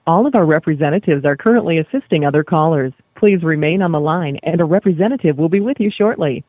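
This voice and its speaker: A woman reading recorded prompts as a phone menu voice, measured and formal in a customer-service manner. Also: sits low, narrow, tinny audio. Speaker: automated phone menu announcer.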